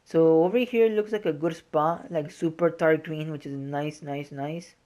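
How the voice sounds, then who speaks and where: Gamer talking through a walkthrough, casual and explanatory, mid-pitched voice. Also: fairly even intonation, unhurried, dark tone. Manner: explanatory, informal. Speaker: gaming walkthrough host. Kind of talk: casual game commentary.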